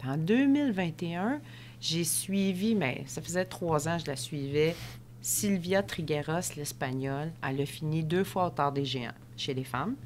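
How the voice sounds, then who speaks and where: A woman with a Québécois accent, a podcast guest telling stories in a lively, excitable way and laughing often. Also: deep voice, moderate pace, a little hiss or hum. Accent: Québécois French. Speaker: podcast guest, ultramarathon runner. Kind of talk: animated storytelling in conversation.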